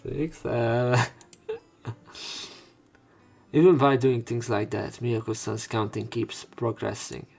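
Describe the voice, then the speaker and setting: This let's play features a man with a gravelly, darkish mid-range voice reading a visual novel slowly, with long pauses. Between narration and dialogue he adds casual asides, some of them laced with swearing.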